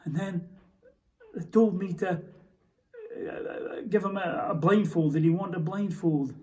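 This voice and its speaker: A man's voice: high-pitched, dark tone, slight background noise. A man playing a haunted Scottish soldier. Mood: anguished. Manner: halting, stammering, emotional. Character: Scottish soldier recounting a prisoner's execution, haunted. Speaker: stage actor. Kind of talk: theatrical monologue. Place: theatre stage.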